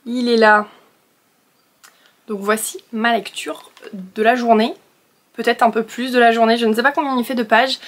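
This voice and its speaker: A woman's voice: a little high, steady tone, normal speed, pauses often. A young woman from France chatting to camera at home in a casual reading vlog, rambling with many fillers and self-corrections. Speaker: book vlogger. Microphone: camera set on a surface.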